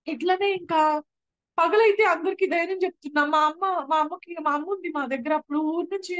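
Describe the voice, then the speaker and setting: A woman's voice: very high voice, fairly even intonation, quick pace, dry recording, dull audio. A young woman giving an earnest personal testimony at a prayer house, often repeating and restarting her phrases. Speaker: church testimony speaker.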